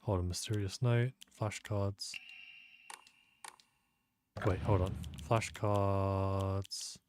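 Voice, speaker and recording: Speaking very slowly in a low, steady, slightly mellow voice, a man streams a game and muses over a puzzle. His let's-play commentary is casual, drowsy and self-mocking, and a little hiss or hum sits under the recording.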